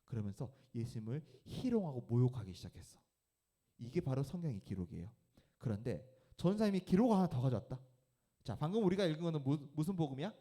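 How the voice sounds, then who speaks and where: A youth pastor preaches to teenagers in an easy, casual storytelling way, talking straight to the kids. His voice is mellow and dark in tone, and his intonation rises and falls with a lot of life. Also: mid-range voice, expressive, quick pace. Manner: casual, addresses the kids directly.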